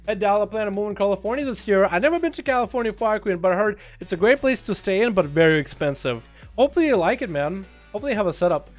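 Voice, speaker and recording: Casting game duels live and chatting with his viewers, this Russian-speaking man with an American accent delivers excitable play-by-play and shouts when big moments hit. His voice sits high and he speaks fast with few pauses, faint music playing behind.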